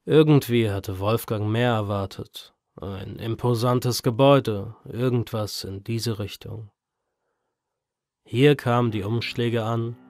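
A man reading a horror story as narrator in a measured, even storytelling manner. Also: medium pitch.

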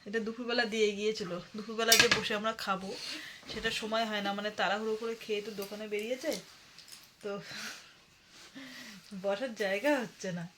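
A woman's voice: medium pitch, fairly even intonation, brisk, long pauses. A woman, a mother chatting casually to viewers at home about her day and chores. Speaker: vlogger and mother. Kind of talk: casual daily vlog narration. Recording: noisy home recording.

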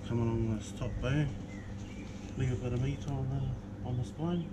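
Loud backyard noise surrounds a young man with a Māori New Zealand accent. His pitch is middling for a man. He explains each step of a demonstration in a plain, laid-back way. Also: fairly even intonation, normal speed. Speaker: fish processor giving a demonstration. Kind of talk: hands-on demonstration, casual instruction. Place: outdoors in a backyard. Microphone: camera a few steps away. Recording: noisy outdoor action camera audio.

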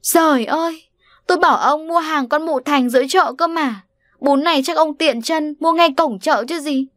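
A woman reading an audiobook voices a brash, scornful pregnant village woman who mocks and scolds in a shrill, high voice. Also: animated, moderate pace, no echo, clean studio sound. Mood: scolding.

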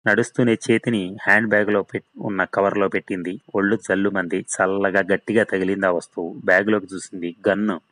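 Guy reading a story out, low voice, dry close mic, steady. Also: fairly quick, hardly any pauses, no room sound, low-quality recording. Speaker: story reader. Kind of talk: scripted story narration.

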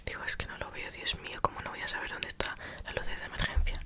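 A woman whose accent is from Spain whispers quickly through a casual ASMR storytime, keeping her voice breathy and unvoiced. She recounts the events colloquially and acts out each line of dialogue.

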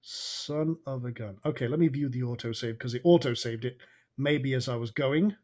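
A man with a raspy, somewhat tired voice, coaching informally and thinking aloud through a screen-share tutorial. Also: mid-range voice, normal speed, a little mellow. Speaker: online marketing coach.

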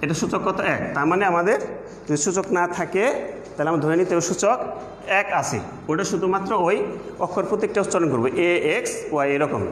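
A man's voice: high-pitched, fairly quick, slight background noise. A Bangladeshi man with a Bengali accent teaching a classroom math lesson, asking questions and then answering them himself. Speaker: assistant teacher. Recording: echoey room with long reverb.

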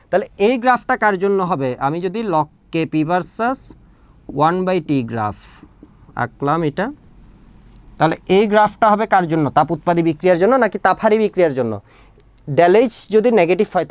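Smooth-voiced male tutor. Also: sits high, dry recording. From Bangladesh. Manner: explains step by step, often checks understanding with questions. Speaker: chemistry tutor. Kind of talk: recorded online lesson.

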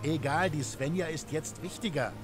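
An actor playing a calm male rescue-boat coxswain, speaking in curt radio procedure over a marine radio call in a game. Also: fairly high pitch, moderate pace, music in the background. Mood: stern. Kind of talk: video game voice acting.

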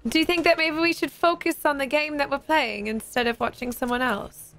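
Woman, twenties, from Manchester, high voice, headset, teasing, faint game music. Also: steady tone, brisk, fairly bright tone. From Manchester, England. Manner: laughs often, teasing. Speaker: streamer. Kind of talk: casual gaming chat. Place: gaming room indoors.

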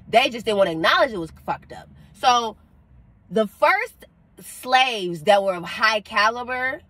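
A woman's voice: medium pitch, a bit bright, dry recording. A woman vlogger delivering an emphatic, profane, fired-up monologue rant.

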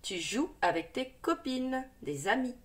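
A woman's voice: high voice, big pitch swings, measured pace. A woman teaching a first-grade reading lesson, sounding out each letter and syllable carefully and encouraging the child. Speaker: primary school teacher. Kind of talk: slow, deliberate reading lesson for young children.

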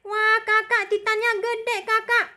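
A woman's voice: very high voice, little pitch movement, measured pace, pushed and bright, voice pushed up, heavily acted. A woman voicing a small, scared little girl who whines and pleads, as role-play for a game video. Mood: awed. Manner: whiny, pleading.

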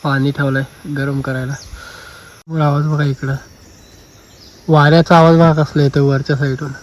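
Konkan accent guy vlogging from a night camp in the woods, kinda high, flat voice, crickets buzzing. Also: normal speed, a little hiss or hum. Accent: Marathi, Konkan. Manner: chatty, explains to viewers, repeats phrases, often hushed. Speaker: camping vlogger. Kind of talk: casual vlog narration. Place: outdoors at night in a forest by a river.

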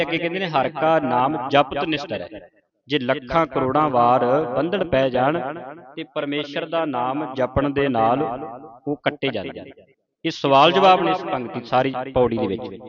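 Man slowly teaching careful scripture recitation. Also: on the high side, lo-fi sound. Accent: Punjabi. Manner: slow deliberate recitation, then corrective explanation. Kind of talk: recitation lesson.

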